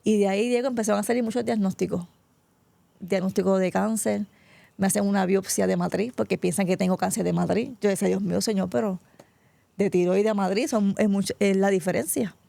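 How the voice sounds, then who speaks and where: Close to tears, a middle-aged Puerto Rican pastor shares her life testimony as an interview guest, heartfelt and often calling the host by name. Her deeply gravelly, mellow voice stays steady and brisk, recorded dry and close with no room sound.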